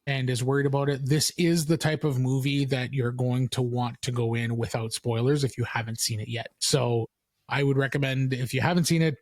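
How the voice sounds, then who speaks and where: A man hosting a podcast in casual chat, relaxed and filler-heavy, often restarting his sentences. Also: mid-range voice, brisk, no room sound. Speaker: podcast host.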